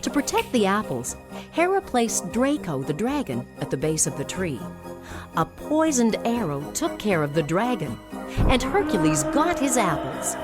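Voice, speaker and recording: A woman reading scripted narration as a smooth museum audio guide, measured and clearly enunciated. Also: medium pitch, very animated, over music.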